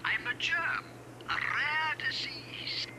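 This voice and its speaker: An actor voicing a cute, impishly smug tiny germ, a transformed wizard, in a small breathy voice in an animated film. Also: male voice, very high-pitched, takes it slowly, heavy background noise.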